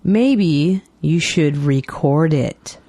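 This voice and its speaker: Slow, lively-voiced woman reading dialogues. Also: deep voice, dry recording. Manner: clear, deliberate enunciation. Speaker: dialogue reader for English learners.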